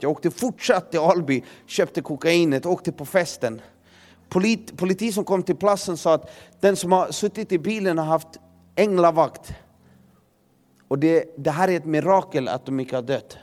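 Young man, earnest, halting testimony, slightly high voice. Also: a little mellow. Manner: halting, repeats words, earnest. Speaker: preacher giving testimony. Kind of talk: personal testimony.

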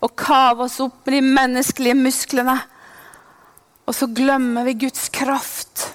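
A woman preaching a sermon with passion, dropping to hushed whispers and then rising to loud proclaiming. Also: high-pitched, little pitch movement.

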